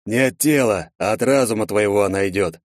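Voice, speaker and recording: A man voicing a calm orc healer who speaks slowly and firmly. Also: fairly low pitch, no room sound, clean studio sound, lightly acted. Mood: firm measured. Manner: slow, firm, measured.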